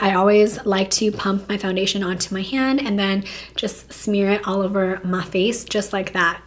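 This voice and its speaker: Young woman, hoarse raspy voice, cracking, chatty, animated, drops to whispers, casual vlog talk. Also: mid-range voice. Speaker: beauty YouTuber. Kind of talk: casual makeup review chat.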